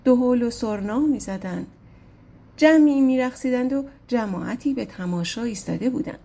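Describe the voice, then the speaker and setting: Mellow breathy woman telling a folk tale. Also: on the high side. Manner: casual colloquial storytelling. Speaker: audiobook narrator.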